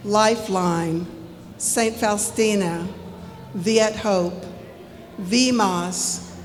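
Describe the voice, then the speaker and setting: A medium-pitched woman stands at a podium microphone in a large indoor event hall, slowly reading names of donation and scholarship recipients for a community ceremony and politely correcting herself now and then. The formal announcement carries long hall reverb over background music and slight noise.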